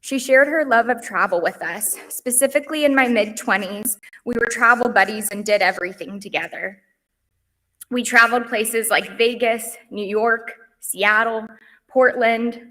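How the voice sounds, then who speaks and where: Young woman giving a heartfelt eulogy. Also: medium pitch. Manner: earnest and heartfelt, softening on lists. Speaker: eulogy speaker. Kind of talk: reading a eulogy at a memorial. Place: memorial service hall. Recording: livestream in a reverberant hall.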